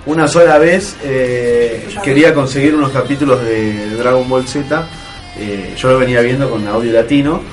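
A man's voice: mid-range voice, moderate pace, soft background music. A young Argentine man hosting a radio talk show, bantering casually and putting on mock voices between stories. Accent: Argentine Spanish. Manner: jokey, puts on mock accents.

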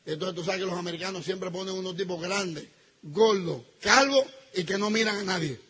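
A man telling an audience a personal story, acting out the dialogue and swinging between loud outbursts and hushed asides. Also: sits high, moderate pace, a crowd in the background. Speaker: speaker telling his business story to an audience.

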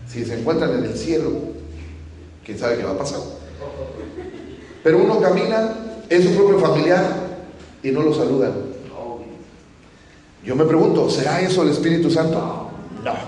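A man's voice: on the high side, mellow, a little hiss or hum. A man preaching a sermon in church, speaking earnestly and often addressing the congregation as brother. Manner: earnest, addresses listeners as "hermano". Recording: echoey church hall from a distant mic.

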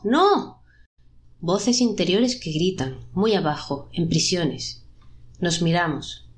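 A woman narrating a dark story, voicing the trapped souls in a raised, pleading pitch.

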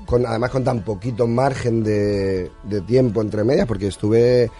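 A man's voice: fairly low pitch, fairly even intonation, normal speed, mellow, husky, faint music behind. A man from Madrid, a mentalist guest on a radio show, telling stories earnestly with small hesitations. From Madrid, Spain. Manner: earnest, storytelling, a little hesitant. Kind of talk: radio interview. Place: radio studio.

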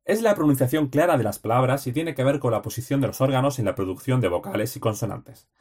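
A man's voice: medium pitch, animated, fast, a little mellow, slightly rough. Man reading study notes in clipped lists. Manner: clipped list-like reading, terse headings. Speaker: exam study narrator.

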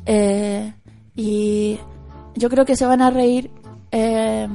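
A woman's voice: on the high side, fairly even intonation, extremely slow, creaky, mellow, soft background music. A Chilean woman co-hosting a casual radio chat, joking in slang and talking about her play. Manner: chatty, jokey, slangy. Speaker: co-host, actress promoting her play.

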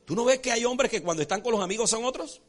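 A man preaching a sermon as pastor, folksy and animated, acting out characters and checking in with his congregation. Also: very high-pitched, fast, faint music behind. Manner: repeats rhetorical check-ins with the congregation.

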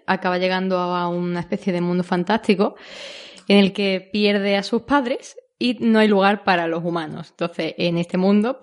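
A tired woman co-hosting a podcast, giggly and relaxed in casual chat. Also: medium pitch. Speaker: podcast co-host.

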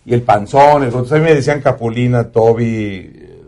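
A man with a Mexican accent, a radio announcer telling personal stories in a casual, animated way, swearing freely. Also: mid-range voice, moderate pace. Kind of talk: casual storytelling in an interview.

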